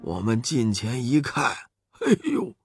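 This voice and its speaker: A man's voice: mid-range voice, big pitch swings, soft background music. A man voicing a timid but proud old village elder who sighs and drags out his exclamations. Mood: recounting. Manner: sighing, drawn-out exclamations. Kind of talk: children's storybook narration.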